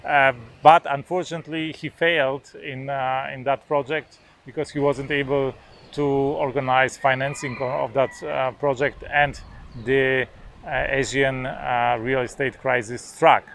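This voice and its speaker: A mid-range, slightly bright voice with vocal fry, little pitch movement and a measured pace belongs to a Polish vlogger in his forties, a native Polish speaker. He talks casually to the camera on a beach lawn outdoors, hesitating often with fillers and restarts.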